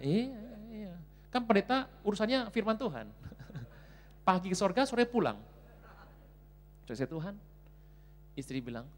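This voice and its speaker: A middle-aged male pastor preaching a sermon, telling family stories and acting out the dialogue in lively voices. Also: on the high side. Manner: animated, acts out family dialogue in varied voices. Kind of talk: sermon with storytelling. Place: church function hall.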